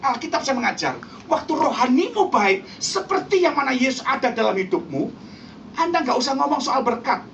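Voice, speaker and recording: A woman preacher, giving a lively, joking sermon to a church congregation and acting out quoted voices. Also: sits high, fairly quick, a little hiss or hum. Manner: animated, jokey, mimics voices for effect. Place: church hall before a congregation. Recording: distant, dull live church recording.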